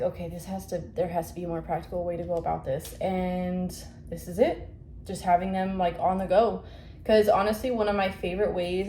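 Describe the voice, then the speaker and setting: A woman with a warm, lowish voice vlogs about her shop in a rambling, casual way, with lots of fillers and self-corrections. Recorded upstairs at home on a phone or camera mic, the room sounds echoey with faint background noise.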